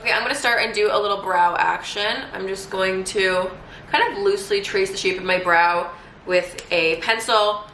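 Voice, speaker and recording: A woman's voice: medium pitch, moderate pace, bright, forceful tone. A young woman in her twenties chatting casually through a makeup tutorial at home, upbeat and full of fillers. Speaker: beauty vlogger. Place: home room during quarantine. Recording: echoey room, faint noise.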